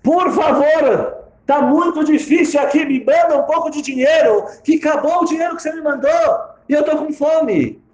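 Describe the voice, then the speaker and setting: A man's voice: very high voice, normal speed, few pauses, a little mellow, roomy sound, highs cut off, voice pushed up. A man putting on a whiny, pleading young student. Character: young male student begging his father.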